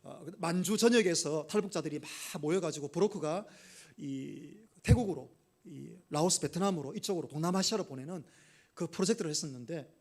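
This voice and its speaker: A middle-aged male pastor preaching a sermon, telling a story and throwing questions to the congregation, with loud emphatic bursts and quiet dropped phrases. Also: fairly high pitch, brisk. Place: church sanctuary.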